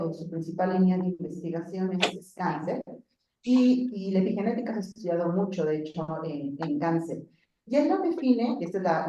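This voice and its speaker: A woman gives a conference lecture, heard from some distance in a very echoey hall. Her voice is mellow and soft-edged. She explains patiently, repeating words and tagging sentences with quick questions to the audience. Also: medium pitch. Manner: explanatory, repeats words, frequent "¿no?" check-ins. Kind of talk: academic lecture to a live and online audience.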